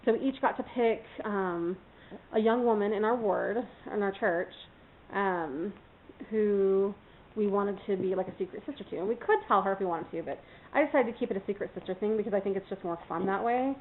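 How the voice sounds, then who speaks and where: A woman's voice: medium pitch, fairly quick, slight background noise. A woman from California chatting casually in a vlog, rambling with lots of fillers and breaking off to talk to her puppy. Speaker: vlogger. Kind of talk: casual chat. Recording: tinny phone-like sound.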